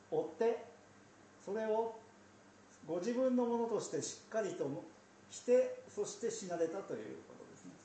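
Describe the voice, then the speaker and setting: A man's voice: fairly high pitch, warm tone, slight background noise. A man preaching a sermon as a pastor, chatty and storytelling, with asides. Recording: roomy sound from a distance.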